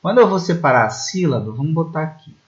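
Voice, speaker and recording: A man's voice: fairly high pitch, expressive, fast. A Brazilian man, a Portuguese teacher, explains grammar rules step by step, often checking in with "né?". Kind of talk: recorded online grammar lesson. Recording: slightly muffled lo-fi audio.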